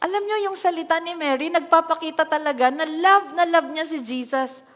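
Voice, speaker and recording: A woman pastor preaching a sermon in a church hall, reading scripture and adding lively asides with acted quotes. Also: extremely high pitch, brisk. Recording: long hall reverb.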